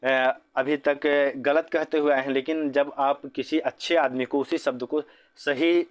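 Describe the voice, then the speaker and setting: Man explaining teaching exam questions. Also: a little high. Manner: explanatory, repeats points with "ठीक है". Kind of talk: exam-prep lesson.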